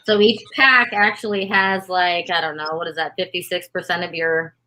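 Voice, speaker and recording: A woman's voice: lowish voice, fairly even intonation, moderate pace, sharp tone, a little hiss or hum, rough recording. A woman chatting casually during an eating contest, telling anecdotes and peppering her talk with "like". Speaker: competitive eater.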